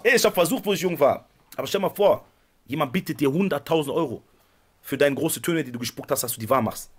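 Dude reacting to a clip, talks super fast, keeps pressing his point, kinda high pitched. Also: animated, breathy edge. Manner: insistent, accusing. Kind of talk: reaction stream commentary.

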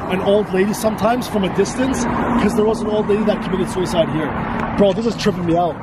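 A young man with a high voice speaks quickly and insistently in casual slang. He is outdoors, a step from a handheld camera, with very loud traffic noise around him. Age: young adult. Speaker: vlogger's companion. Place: outdoors on a road bridge at night. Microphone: another person's handheld camera, a step away.

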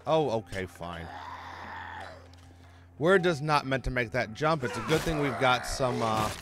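Unhurried man narrating his gameplay. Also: mid-range voice, animated, noisy background. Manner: chatty, talks to himself and the enemies, swears when hurt. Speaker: gaming channel host. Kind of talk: let's play commentary.

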